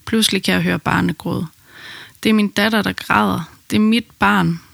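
A woman calmly narrating her own birth story in the first person, in an intimate storytelling manner. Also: mid-range voice, gravelly, dry recording.

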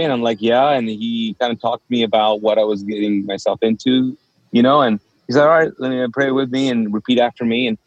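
A medium-pitched male voice comes through lo-fi sound with no echo. The speaker, an Urdu-native pastor from Kuwait, is a guest in an informal interview, telling his story vividly and voicing the quoted lines himself.

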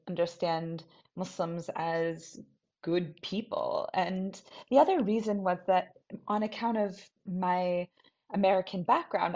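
A woman from New Hampshire, a scholar and teacher, reflecting thoughtfully on her path, pausing and restarting as she searches for words. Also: fairly low pitch. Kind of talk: reflective personal talk. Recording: dull lo-fi recording.

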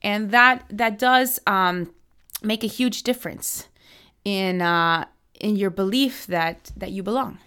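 A woman's voice: medium pitch, slow, bright, forceful tone, clear, resonant tone. A young adult woman from Miami, a political strategist, answering interview questions in an earnest, passionate way with many fillers and restarts. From Miami, United States.

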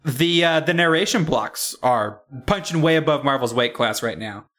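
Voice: medium pitch, animated, normal speed, fairly bright tone. A podcast co-host chatting about comics in a laid-back, giggly way. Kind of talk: casual comic-book chat.

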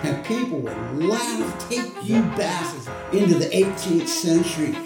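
A man telling stories about his father in an expressive, personal way, with soft music behind him. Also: sits high, unhurried, echoey room. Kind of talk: personal storytelling.

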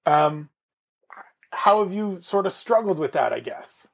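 Chatty podcast host man, gravelly. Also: high-pitched, lively intonation, measured pace. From Canada. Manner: chatty, rambling with restarts. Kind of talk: casual podcast chat.

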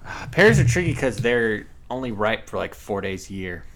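Chatty, rambling low-voiced man. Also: big pitch swings, normal speed, fairly bright tone. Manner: chatty, rambling with fillers and restarts. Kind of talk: casual chat.

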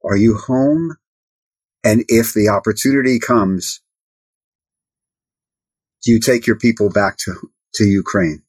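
Rambling podcast host, dry sound. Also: male voice, lowish voice, measured pace, pauses often, husky, no room sound. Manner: rambling questions with restarts. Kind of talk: podcast interview.

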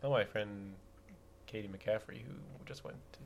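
A man's voice: on the low side, normal speed, vocal fry, slight background noise. A man co-hosting a podcast, chatting casually in an easygoing, rambling way and restarting his sentences. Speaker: podcast co-host. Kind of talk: casual chat.

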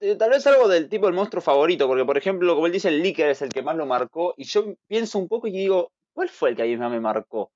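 A young man chatting on a podcast, excited and rambling, often restarting his sentences. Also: a little high, fast, few pauses, dry recording. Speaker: podcast guest. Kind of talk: casual podcast chat. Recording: dull dry lo-fi mic.

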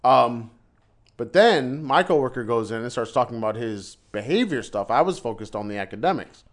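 A man who teaches English in China tells a story in casual conversation, using an expressive, mid-range voice at normal speed. His delivery is an exasperated rant, and he repeats himself.

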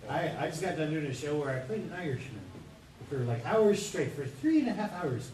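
A man's voice: on the high side, expressive, fairly quick, darkish tone. A man voice actor telling a story on a convention panel, laughing at himself. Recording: echoey hall, far from mic, crowd noise.

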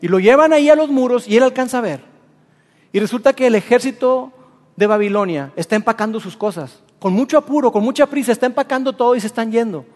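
A man preaching, retelling a story in a lively, colloquial way. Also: very high-pitched, fast. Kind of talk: sermon storytelling. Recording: long hall reverb.

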